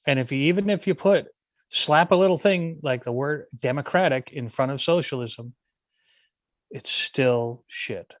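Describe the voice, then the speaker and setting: A brash male morning-show co-host, delivering opinions emphatically in casual banter. His voice sits at a middle pitch, with a dry, close sound. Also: a little slow, no echo.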